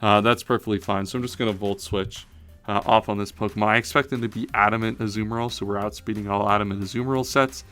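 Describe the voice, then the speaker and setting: This man's fairly low voice is steady, fast and a bit bright, with faint music in the background. Thinking aloud over a competitive battle, he analyzes each move, often corrects himself mid-sentence and says "um" and "uh" a lot.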